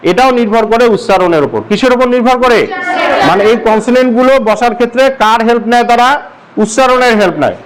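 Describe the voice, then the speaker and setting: High-pitched man teaching a class. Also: fast, crowd noise, poor audio. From Bangladesh. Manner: drills the class with repeated questions. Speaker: English teacher. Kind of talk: classroom grammar lesson.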